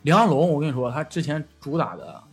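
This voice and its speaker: A man with a very rough, raspy voice hosts a casual podcast chat. His intonation is animated and his talk is colloquial and joking, over faint music. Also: a little high, a little fast.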